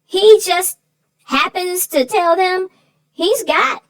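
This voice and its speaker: Her voice extremely high and slow, a woman co-hosting a children's read-aloud show chats about the story. She offers earnest safety advice, repeating words to stress them.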